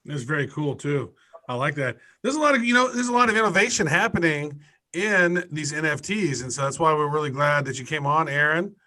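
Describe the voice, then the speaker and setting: A man's voice: a little high, animated, fairly quick, pushed and bright. A man co-hosting a casual live show, talking in an enthusiastic, slangy, informal way. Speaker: co-host of a shopping-style show.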